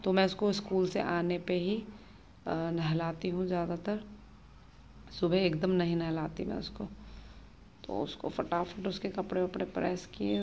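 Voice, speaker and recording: A woman in her thirties, a mother, narrating her busy morning in a casual daily vlog, chatty and hurried. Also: on the low side, creaky, darkish tone, a little hiss or hum. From Uttarakhand, India. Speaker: vlogger, mother of two.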